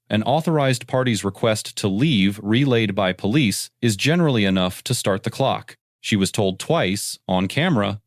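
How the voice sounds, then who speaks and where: Low-pitched male narrator, dry close sound. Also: no room sound. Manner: measured, factual. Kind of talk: scripted legal explainer narration.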